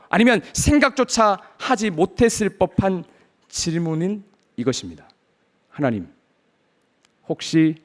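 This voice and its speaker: A man preaching a Sunday sermon in a notably high voice. He speaks earnestly to his congregation, posing searching rhetorical questions as he pleads with them. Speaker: pastor.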